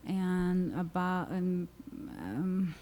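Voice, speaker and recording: A middle-aged woman from Peru with a Peruvian Spanish accent, speaking earnestly and haltingly with many fillers on a panel. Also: fairly low pitch, warm tone. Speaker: psychologist panelist. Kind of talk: panel discussion talk. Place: university lecture hall. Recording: long hall reverb.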